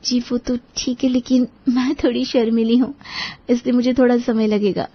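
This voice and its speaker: A woman's voice: fairly high pitch, little pitch movement, moderate pace, husky, highs cut off. A woman voicing a sweet, shy, devout young bride in a cartoon, speaking politely and respectfully.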